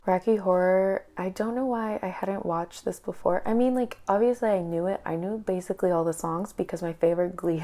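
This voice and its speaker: A young woman vlogging casually, chatty and full of quick asides. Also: medium pitch, dark tone. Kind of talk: casual chat.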